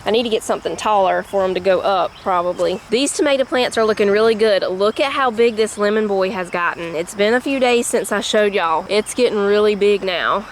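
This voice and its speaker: A woman's voice: mid-range voice, a little fast, few pauses, a little hiss or hum. A woman with a Southern US accent, chatting homily through her garden and kitchen in a casual vlog, laughing easily as she goes. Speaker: home cook and gardener, channel host.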